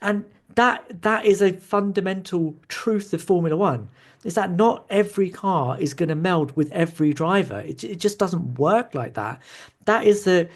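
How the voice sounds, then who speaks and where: A man hosting a sports debate, calmly building an analytical case and checking for agreement as he goes. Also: high voice, normal speed. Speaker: show host.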